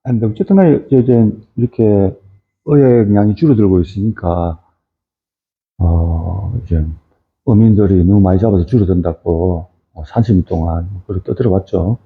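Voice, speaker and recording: The same fisheries lecture comes from a middle-aged man whose voice sits low, speaking at a normal speed. Recorded with a thin, phone-like sound, his informal delivery wanders and is studded with fillers and tag questions.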